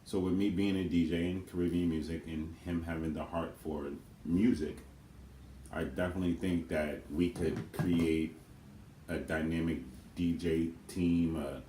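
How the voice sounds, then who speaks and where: A man's voice: low voice, fairly even intonation, measured pace, dark tone. A man co-hosting a casual question-and-answer video with his twin, speaking earnestly and with emphasis. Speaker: co-host twin. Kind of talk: casual Q&A chat. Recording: echoey room with faint noise.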